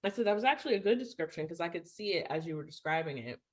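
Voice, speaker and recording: Jersey-accent woman, lowish voice, chatty and rambly on a video call. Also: lively intonation, racing. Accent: New Jersey, Northeastern US. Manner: chatty, thinking aloud, lots of "like". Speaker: gathering co-host. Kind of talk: casual group chat on a video call.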